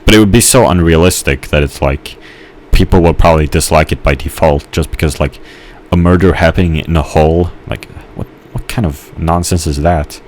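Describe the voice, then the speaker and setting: A man's voice: very deep voice, brisk, hardly any pauses, darkish tone, a little hiss or hum. A man casually rambling while playing a game, hesitant, with many fillers and restarts. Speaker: gamer narrating his gameplay.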